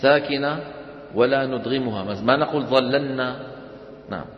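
A man's voice: on the high side, moderate pace. Man teaching in an echoey hall. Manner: questioning, drilling students call-and-response. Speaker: Quran recitation teacher. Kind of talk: classroom instruction. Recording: echoey hall, dull sound.

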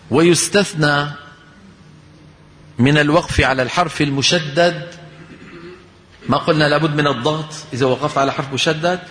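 A man teaching Quran recitation. He asks questions, answers them himself and slowly chants the verses he uses as examples. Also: a little high, fairly bright tone. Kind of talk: recitation lesson. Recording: long hall reverb.

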